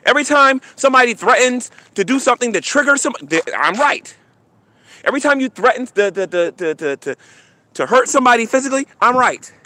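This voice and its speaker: A man's voice: very high voice, animated, fairly quick, bright, forceful tone, no room sound. A man ranting on a livestream, taunting and defiant, stammering and repeating himself, breaking into mocking laughter. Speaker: YouTube livestreamer.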